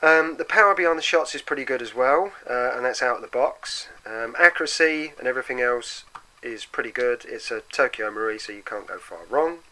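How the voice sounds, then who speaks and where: A man with a gravelly voice, roughened by a bad cold and sore throat, giving a casual, explanatory hands-on product review. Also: expressive, brisk, sharp tone, poor audio. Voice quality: gravelly, deeper than usual from a cold. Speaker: product reviewer for an airsoft custom shop.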